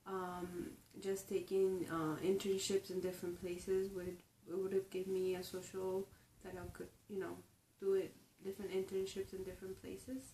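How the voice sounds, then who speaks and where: A young woman in her twenties from Ecuador, a native Spanish speaker, giving a reflective, halting personal interview with frequent restarts. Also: mid-range voice, flat delivery, dark tone, a little hiss or hum. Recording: roomy echo, distant mic, faint ambience.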